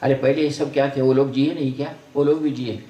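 A man's voice: medium pitch, flat delivery, a little fast, mellow, lo-fi sound. An older man, a spiritual teacher, giving a folksy sermon to a gathering, blessing and scolding by turns. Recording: roomy sound from far off the mic.

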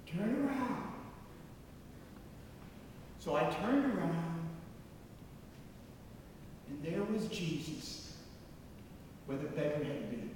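A man preaching a parish mission in a large church, his high voice carrying slowly and deliberately. He tells stories with dramatic pauses and emphatic rises. The mic sits far off, so a long, echoey church reverb and faint noise hang around every phrase. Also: animated, a little mellow. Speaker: priest leading a parish mission. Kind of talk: sermon.

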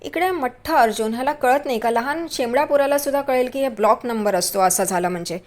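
Chatty woman retelling a serial, slightly high. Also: fast talker, darkish tone. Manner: chatty, with mocking asides about the characters. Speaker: TV serial recap narrator. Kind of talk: storytelling recap of a TV serial episode.

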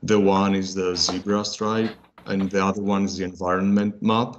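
A low, flat-voiced man works through a technical presentation, stopping and restarting often and leaning on fillers. His audio sounds dull and lo-fi, like a video call stream. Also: slight background noise. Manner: halting, many fillers and restarts. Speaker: workshop speaker.

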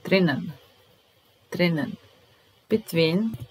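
Slow, deliberate woman teaching vocabulary. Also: on the low side, slight background noise, low-quality recording. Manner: slow, deliberate, repeats each word. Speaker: language teacher. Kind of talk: vocabulary lesson.

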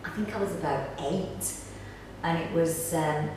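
Seated on a sofa in a small indoor room, a middle-aged woman who acts in pantomime chats informally during a casual interview. She has a deep voice and measured pace, and the distant mic picks up room echo and faint noise.

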